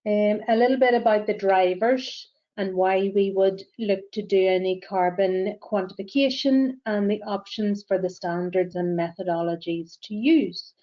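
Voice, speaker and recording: A woman from Northern Ireland, with the accent to match, presents a webinar as a greenhouse gas verifier, speaking in a measured way with frequent ums and uhs. Her voice is mid-range with a dark tone, and the highs are cut off.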